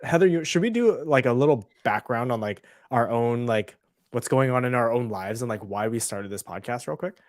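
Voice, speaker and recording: A man co-hosting a casual live podcast, chatty and relaxed with lots of fillers. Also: medium pitch, normal speed, no echo, clean studio sound. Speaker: podcast co-host.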